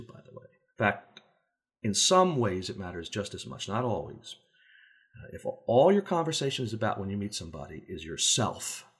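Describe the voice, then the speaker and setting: A medium-pitched man gives a relaxed, conversational talk as a safety trainer, teaching through everyday examples. He briefly acts out contrasting voices to drive his points home.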